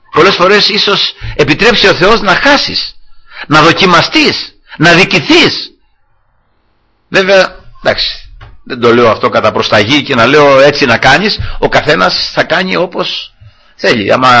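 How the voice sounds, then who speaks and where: A man's voice: mid-range voice, bright, forceful tone, breathy edge. A man preaching a sermon to his congregation, telling a personal story and acting out the dialogue in it.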